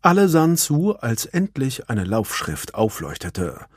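A man reading a children's storybook aloud in an expressive, animated way. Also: medium pitch, measured pace, husky, dry recording, studio quality. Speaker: narrator.

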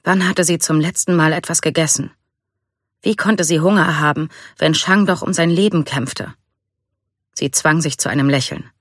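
A reader narrating a storybook in a calm, even reading voice. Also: medium pitch, moderate pace, no echo, clean studio sound. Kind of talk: scripted narration.

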